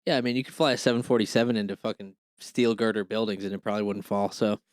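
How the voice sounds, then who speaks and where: A man's voice: fairly low pitch, fairly even intonation, quick pace, dry recording, studio quality. A man co-hosting a casual comedy podcast, laid-back, laughing often and swearing freely. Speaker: podcast co-host.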